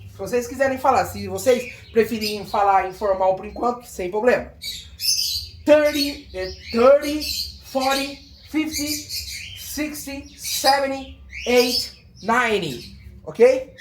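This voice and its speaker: A high-pitched woman with a Brazilian Portuguese accent teaches in a relaxed, chatty way, slowing down to repeat each word so learners can copy it. She is recorded in a bare, echoey room, with birds chirping faintly outside. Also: noisy background. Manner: repeats words slowly, drilling pronunciation. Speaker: English teacher. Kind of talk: casual online lesson.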